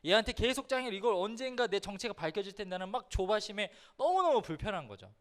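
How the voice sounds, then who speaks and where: A man preaching to middle school students, telling a humorous story in a lively way and often speaking to the listeners directly. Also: high voice, fast talker. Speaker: youth pastor. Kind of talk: storytelling sermon to teens.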